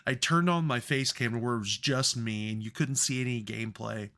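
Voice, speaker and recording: A man with a bright, forceful voice co-hosts a casual sports podcast. He tells worked-up, profanity-laced stories and talks loosely about football. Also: medium pitch, normal speed. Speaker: podcast co-host.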